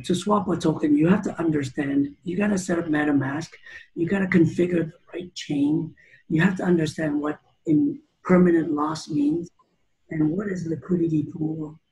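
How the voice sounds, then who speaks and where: Middle-aged founder from Canada, chatty guest, fairly high for a man, gravelly, heard through a webcam. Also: a little mellow, poor audio. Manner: chatty, many fillers and restarts. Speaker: startup founder interviewed. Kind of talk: video call interview. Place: room with teal curtains. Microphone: video call webcam.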